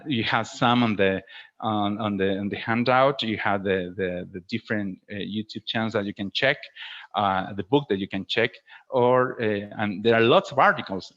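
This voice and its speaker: Over dull, lo-fi online call audio, a man who trains teachers answers questions in a webinar. His voice is lowish and a bit bright, and he explains things while often checking in with "okay?".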